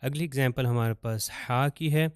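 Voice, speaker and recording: A man teaching Quran recitation step by step, patiently explaining letters and slowly chanting each example. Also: mid-range voice, clear, resonant tone, dry recording, clean studio sound.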